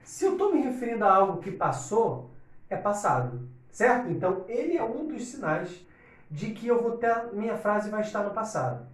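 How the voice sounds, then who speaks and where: A man's voice: sits high, big pitch swings, normal speed. A man teaching an English lesson to Portuguese speakers, explaining step by step and often checking in with his students. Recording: echoey room, distant from mic.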